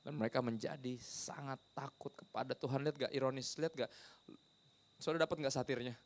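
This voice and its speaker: A man's voice: mid-range voice, steady tone, brisk. A man preaching a sermon as pastor, talking in a conversational way, slipping English phrases in and asking the audience questions.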